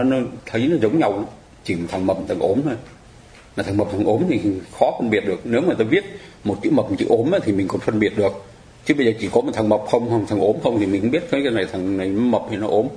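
A man's voice: on the low side, warm tone, reverberant, poor audio. A man teaching a Buddhist class, explaining patiently and addressing his listeners politely. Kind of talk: dharma class lecture.

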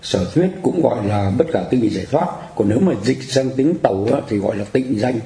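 Gravelly-voiced man giving a dharma lecture. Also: mid-range voice, expressive, brisk, mellow, roomy sound. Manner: explanatory, repeats phrases, asks the audience for agreement. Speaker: Buddhist teacher.

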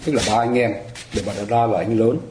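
A man's voice: lowish voice, steady tone, a little fast, darkish tone. A man giving a conversational dharma lecture, often asking his listeners rhetorical questions. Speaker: Buddhist dharma teacher. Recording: roomy echo, faint ambient noise.

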